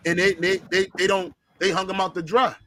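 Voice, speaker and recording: A man's voice: high voice, little pitch movement, a little fast, pushed and bright. A man speaking with preachy conviction in a religious discussion, often repeating words as he starts phrases.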